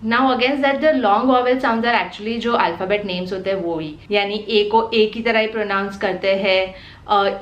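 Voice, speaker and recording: A woman with an Indian accent, hosting a parenting channel and patiently explaining phonics step by step, sounding out letters slowly. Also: mid-range voice, echoey room, highs cut off. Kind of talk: explanatory home teaching video.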